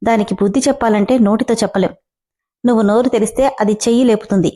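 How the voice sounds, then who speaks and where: A woman's voice: a little high, fairly even intonation, quick pace, dark tone, lightly acted. A woman reading the lines of a playful young man who runs a company and teases his employee. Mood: teasing. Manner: teasing, joking.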